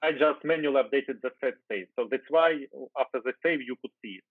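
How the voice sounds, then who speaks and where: A Ukrainian-native software developer in his thirties, appearing as a guest, talks fast in a mid-range voice while walking through his code during a casual screen-share. He thinks aloud with fillers and restarts, and the video call audio is tinny and phone-like with no room sound.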